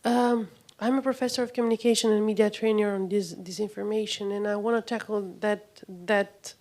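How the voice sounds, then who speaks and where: A woman's voice: mid-range voice, fairly even intonation, brisk, a little mellow. A woman from Albania, a native Albanian speaker, asking a panel a question from the floor and searching for words. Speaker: audience member, professor.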